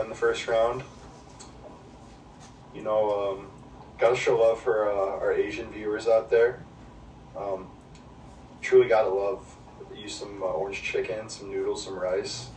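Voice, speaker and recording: Low-voiced man, laid-back and halting. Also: level tone, darkish tone. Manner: laid-back, hesitant, many fillers. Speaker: podcast co-host. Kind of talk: casual chat. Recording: roomy, distant mic, faint background hum.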